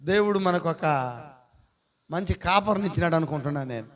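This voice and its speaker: High-voiced preacher calling out to his flock. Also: fairly quick, a bit bright. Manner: call-and-response preaching with frequent hallelujahs; playful, bleats like a sheep to the congregation. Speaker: pastor. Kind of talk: sermon. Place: church service.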